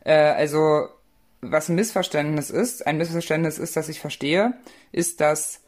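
Young woman author, low-pitched, searching for words, guest on a podcast. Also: moderate pace, a little mellow. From eastern Germany. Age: young adult. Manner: hesitant, many fillers and restarts. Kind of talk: conversational podcast interview.

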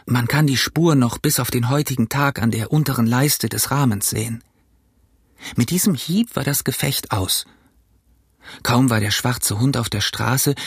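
A man narrating an audiobook in a steady, measured storytelling manner. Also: mid-range voice, husky, no room sound, studio quality. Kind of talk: audiobook reading.

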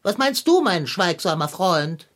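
A woman's voice: on the low side, sing-song, measured pace. A woman voicing a pompous, long-winded philosopher figure in a children's radio play, speaking in a lofty, wordy manner.

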